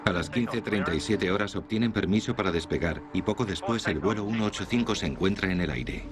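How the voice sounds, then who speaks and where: Very deep male documentary narrator. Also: heavy background noise. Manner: measured, factual storytelling. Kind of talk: scripted narration.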